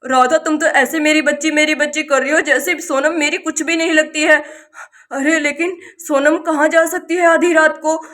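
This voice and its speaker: A woman's voice: high voice, fairly even intonation, moderate pace, a bit bright. A woman voicing a grumpy, sleepy village husband who scolds his wife in a doll story. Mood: grumbling. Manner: grumbling, scolding, then reassuring.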